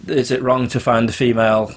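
A young man co-hosting a casual podcast, animated and quick to laugh, acting out his own reactions as he tells stories. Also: mid-range voice. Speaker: podcast co-host. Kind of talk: casual chat.

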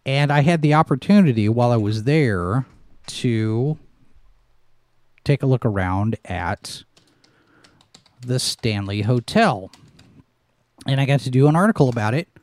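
Mellow-voiced man hosting a chatty livestream. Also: mid-range voice, expressive, unhurried, pauses often, no echo. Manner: rambling, with frequent restarts and fillers. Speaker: livestream host. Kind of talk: casual livestream chat. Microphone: headset microphone with headphones.

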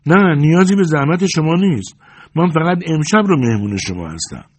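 A man reads a distressed young woman begging at a hermit's door, her voice pushed well above his own and louder. The tone is plaintive and pleading. A husky grain stays under it, as in a storybook reading. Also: on the high side, animated, voice pushed up.

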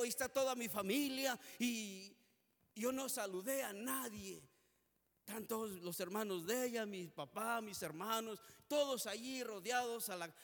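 High-voiced preacher in echoing hall. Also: male voice, vocal fry, a bit bright. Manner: earnest, swelling into fervent prayer. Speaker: preacher giving testimony. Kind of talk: emotional testimony sermon. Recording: long hall reverb.

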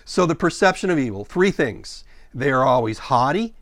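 A middle-aged male pastor delivering an expository sermon at a medium pitch. He reads scripture in a slow, deliberate way and then explains it in a plain teaching tone. The recording is dry, with little room sound. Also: lively intonation, a bit bright, dry recording. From born in Sudan, raised in Ethiopia and America.

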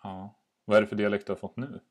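Podcast guy chatting, really low voice, laughs at himself a lot. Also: fairly even intonation. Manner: laughing, self-mocking, swears casually. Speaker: podcast co-host. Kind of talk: casual chat.

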